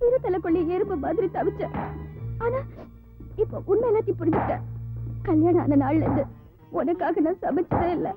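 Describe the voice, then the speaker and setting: Pleading young village wife. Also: female voice, very high-pitched. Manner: pleading, emotional. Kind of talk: 1990s film acting. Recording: tinny lo-fi film soundtrack with music.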